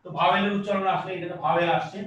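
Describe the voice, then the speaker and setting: A man teaching a grammar lesson at a board, halting with many filler sounds and restarts, asking rhetorical questions. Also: high-pitched, flat delivery, a bit bright, dull audio. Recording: echoey room, voice from some distance.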